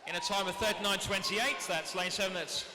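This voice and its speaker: A man announcing a swimming meet over a PA system, reading lanes, names and times briskly and matter-of-factly, with race commentary. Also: high-pitched, fairly even intonation. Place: indoor swimming pool hall. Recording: echoey PA sound in a large hall, with noise.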